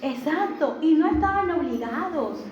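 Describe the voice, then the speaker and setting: A woman's voice: high voice, expressive, a little slow, a little mellow, a little hiss or hum. A woman preaching a Sunday sermon, emphatic and repeating key phrases, often putting rhetorical questions to the congregation. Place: church service hall. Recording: echoey, slightly dull church recording.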